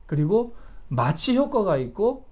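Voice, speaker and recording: A male pastor delivers a Sunday sermon at a church service. He preaches emphatically, putting rhetorical questions to his listeners, and his pitch rises and falls with lively swings. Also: measured pace.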